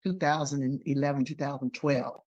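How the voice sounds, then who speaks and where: A woman's voice: extremely low pitch, steady tone, moderate pace, darkish tone, dry recording, highs cut off. An older woman, a guest in an interview, telling an emotional personal story and acting out the people in it.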